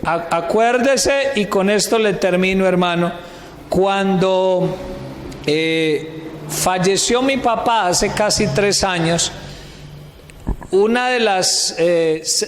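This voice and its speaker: A man preaching a sermon as a pastor, asking the congregation questions, answering them himself, and calling listeners brother. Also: high voice. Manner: keeps addressing listeners as "brother". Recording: echoey hall with long reverb, faint noise.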